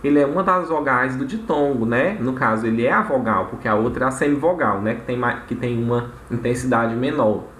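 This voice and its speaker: A man's voice: medium pitch, fairly quick, hardly any pauses, a bit bright. A man teaching a recorded grammar lesson, explaining step by step and checking in with frequent tag questions. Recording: echoey room with faint noise.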